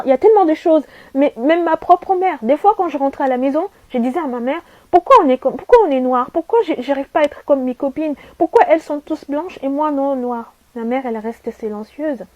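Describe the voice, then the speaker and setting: A young woman from Saudi Arabia gives an earnest personal testimony in a high, soft-toned voice. She presses her points with repetition and rhetorical questions. The sound is dry and a little dull, like a lo-fi recording. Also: no room sound. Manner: earnest and emphatic, repeats herself, asks rhetorical questions. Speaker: vlogger giving testimony.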